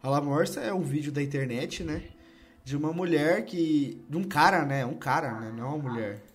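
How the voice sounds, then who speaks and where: Brazilian male podcast host, relaxed and casual. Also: on the high side, brisk.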